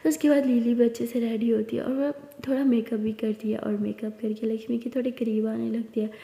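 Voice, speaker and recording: A woman narrates a love story in a relaxed, chatty way. Her voice sits fairly high, with a mellow tone and a gravelly edge, and a long hall-like reverb hangs on every line. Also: a little fast. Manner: casual, conversational. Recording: echoey room with long reverb.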